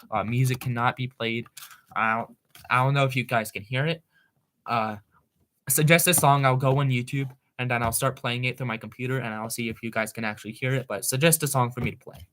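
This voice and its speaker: A young man from Maryland chats casually on a live stream from his room at home, and his voice sits at an ordinary middle pitch for a man. He talks fast and rambles with excitable energy into his computer microphone.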